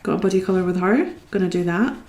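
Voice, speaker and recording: Her voice sits on the low side, expressive and a little mellow, and she talks fast. She's a young Scotswoman chatting casually with viewers during a live stream while she colours, and the sound is reverberant.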